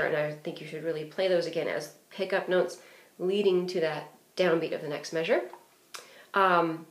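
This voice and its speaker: A woman giving a clarinet lesson, explaining phrasing and fingerings in a practical way with frequent fillers. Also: on the low side. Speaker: clarinet teacher. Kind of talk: instructional music lesson. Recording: roomy echo.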